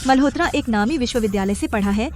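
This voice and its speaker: A woman's voice: fairly high pitch, quick pace, darkish tone, slight background noise, lightly acted. An actress playing a proud businesswoman who pleads with and scolds her estranged husband, in a dubbed short drama. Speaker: wife.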